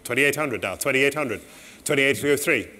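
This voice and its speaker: A middle-aged man working as an auctioneer, calling bids in a saleroom in a brisk, polite, repetitive way. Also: medium pitch, animated, bright, forceful tone.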